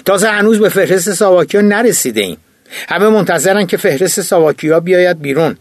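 An exasperated older university chief, as a man reads him out in an audiobook fires off question after question with heat. The voice is gravelly and a little husky, set in a mid register. It is recorded dry in a studio. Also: sits high, lively intonation, no echo, voice pushed up. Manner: heated, rapid-fire rhetorical questions. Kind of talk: audiobook reading of a memoir.

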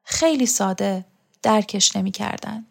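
A woman's voice: medium pitch, creaky. A woman reading the part of an earnest, troubled young man with a questioning manner in an audiobook.

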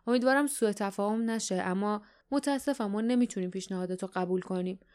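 A woman reading the lines of a blunt, steady warrior man who speaks calmly. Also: mid-range voice, clear, resonant tone, lightly acted. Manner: blunt, calm.

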